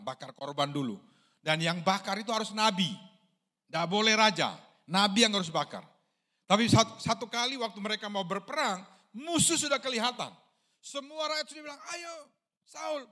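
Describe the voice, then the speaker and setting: An Indonesian pastor preaches to his congregation, his voice climbing and falling as he tells the story. He keeps it chatty, asks his listeners questions, and jumps into a higher, bigger voice for the people he quotes. His voice sits a little higher than most men's. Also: pushed and bright. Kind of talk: sermon.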